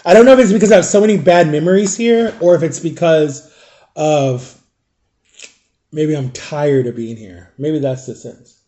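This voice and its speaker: This is a chatty man in his thirties from Florida, a vlogger spinning a meandering story for his audience and fixing his own words along the way. He speaks at a moderate pace in a slightly high voice with a warm tone.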